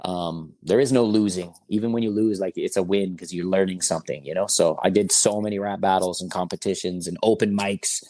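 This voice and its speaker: Low-pitched and mellow, his steady voice runs fairly quickly with few pauses, recorded without echo. He's a rapper in his forties, a native German or Italian speaker, guesting in a casual interview. He talks in a relaxed, meandering way, dropping fillers and slang such as "bro" and "you know what I mean."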